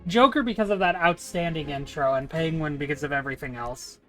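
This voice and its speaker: A woman's voice: sits low, a little fast. Amused, gushing woman streamer over game music. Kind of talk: casual reaction commentary.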